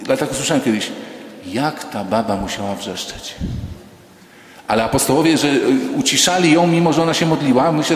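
Storytelling priest in echoey church. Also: male voice, mid-range voice, slight background noise. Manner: lively storytelling, acting out quoted voices with humor. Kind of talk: sermon.

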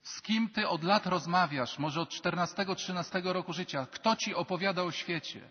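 Man, priest, sermon, husky voice, animated, long basilica reverb, muffled lo-fi sound. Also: high voice, moderate pace. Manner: animated, acts out quoted dialogue in changing voices. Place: large basilica.

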